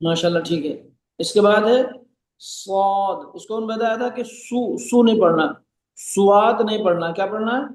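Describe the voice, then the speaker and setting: A man teaching Arabic letter sounds on a video call, patiently stretching out model syllables and then giving quick corrections. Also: high voice, reverberant. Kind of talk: online pronunciation lesson.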